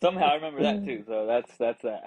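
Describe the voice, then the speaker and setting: A man's voice: medium pitch, sing-song, quick pace, darkish tone, no echo. A man co-hosting a casual podcast, joking and laughing as he chats. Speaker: podcast co-host. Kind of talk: casual chat.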